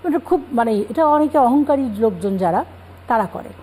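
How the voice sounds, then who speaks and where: A woman speaking as a guest on a religious talk show, calmly explaining scripture and manners. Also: on the high side, moderate pace, low-quality recording. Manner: calm explanatory, cites scripture.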